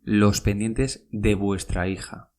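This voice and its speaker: A man's voice: lowish voice, level tone, slow, a little mellow. A man teaching a podcast language lesson, patient and repetitive, spelling out words and saying each phrase twice.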